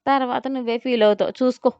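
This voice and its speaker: A woman's voice: fairly high pitch, fairly even intonation, quick pace, gravelly, darkish tone, no room sound, pitched above the performer's own voice. Woman voicing a brash teasing young man. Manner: mocking, playful banter. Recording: slightly dull audio.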